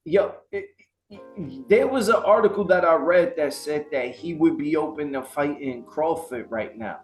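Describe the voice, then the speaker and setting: A man's voice: fairly high pitch, a little slow, faint music behind. Heated, profane podcast co-host man. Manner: heated, profane, animated ranting. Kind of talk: casual boxing chat.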